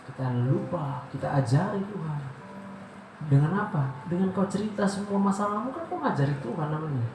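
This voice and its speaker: A man, a doctor, giving a devotional sermon in an animated way, asking rhetorical questions and acting out prayers. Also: a little high. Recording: echoey room with loud background noise.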